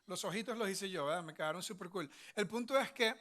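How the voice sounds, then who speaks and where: A man's voice: high-pitched, fast talker, sharp tone. A man, a pastor, giving a conversational sermon with family stories, often checking in with his listeners. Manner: chatty, checks in with "verdad?" and "ok?"; anecdotal, family storytelling.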